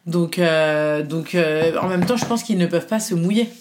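A woman in her thirties telling a personal story in casual chat, animated and full of fillers, often quoting what others said. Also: lowish voice, moderate pace.

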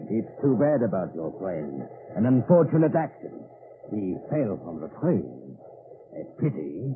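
An actor playing a tipsy, oily army captain with a halting, menacing affability, in old-time AM radio drama style. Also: male voice, on the low side, big pitch swings. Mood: coldly menacing. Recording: noisy, tinny old AM radio recording.

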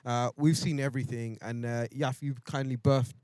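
A man's voice: mid-range voice, fairly even intonation, moderate pace, a little mellow, no echo. A man co-hosting a casual group podcast. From London. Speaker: podcast co-host. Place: in a large open stadium, on the pitch.

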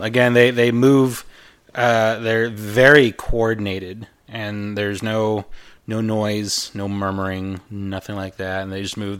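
Acting as both show host and game master of a tabletop game, a man narrates in a rambling way, with many pauses and fillers. His voice is fairly low in pitch, a bit bright, with a clean tone.

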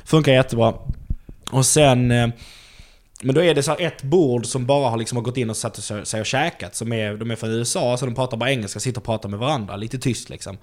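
A man recounting a comedy-club anecdote in casual podcast talk. He tells it with energy, slipping into the voices of the people in his story. His voice sits at an ordinary middle pitch. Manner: lively anecdote-telling, acts out quoted people. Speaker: stand-up comedian.

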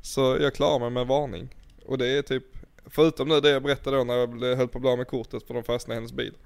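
A man's voice: medium pitch, little pitch movement, vocal fry, clean tone. A young man in casual chat, laid-back and swearing, telling stories with laughs. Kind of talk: casual storytelling.

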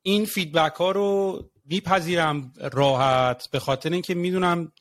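A man with a noticeably high voice chats on a casual podcast. He tells his stories animatedly, slipping into quick impressions of other people. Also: no room sound, clean studio sound. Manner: animated, storytelling with acted quotes. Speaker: podcast co-host.

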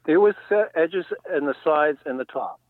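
A man's voice: on the high side, lively intonation, moderate pace, no room sound. A man calling in to a cooking show over the phone, describing a baking problem in a plain, slightly hesitant way. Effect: heard over the phone. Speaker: caller. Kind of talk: call-in question to a cooking show. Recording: tinny phone line.

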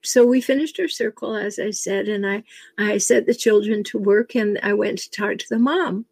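A woman's voice: mid-range voice, normal speed, vocal fry, a little mellow, slightly rough, no echo. An older woman, a relationship coach, giving earnest advice and telling personal stories, with a chuckle now and then. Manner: earnest, advising, chuckles as she tells stories. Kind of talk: advice talk with personal anecdotes.

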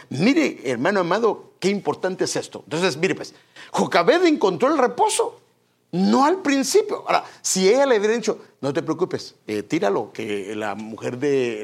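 Male preacher, sermon, wildly swinging intonation, husky gravelly voice. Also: on the high side. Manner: emphatic, keeps addressing listeners as brother.

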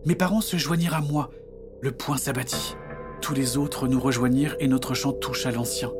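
A man reading a storybook tale as narrator with steady, vivid telling. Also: mid-range voice, moderate pace, loud music behind the voice.

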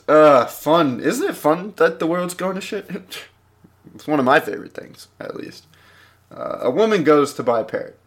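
A young man reading jokes aloud and adding casual, giggly, rambling comments. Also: on the high side. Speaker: joke reader.

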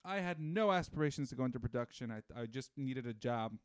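A man's voice: medium pitch, fast talker, clean tone, dry recording, clean studio sound. Chatty man in his thirties. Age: 30s. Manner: animated storyteller with many fillers. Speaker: podcast guest. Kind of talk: casual chat.

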